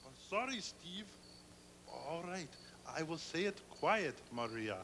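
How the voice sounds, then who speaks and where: A man's voice: very high voice, lively intonation, moderate pace, fairly bright tone, a little hiss or hum. A man playing a lovesick, grandiose flamingo opera singer in children's puppet comedy, with florid theatrical delivery and operatic crooning over music. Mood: hushed, devoted.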